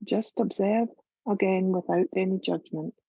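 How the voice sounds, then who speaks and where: Calm and measured, a woman guides a meditation as a yoga teacher, offering soft instructions with long silences between them. Her medium-pitched voice has some vocal fry, and the lo-fi recording has no echo.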